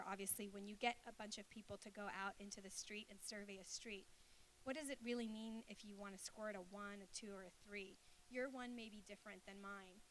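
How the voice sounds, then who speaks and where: A woman's voice: medium pitch, poor audio. Female presenter, conversational and explanatory, frequent hesitations, mid-range voice, faintly hissy live recording. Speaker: conference speaker. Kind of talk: informal presentation to an audience.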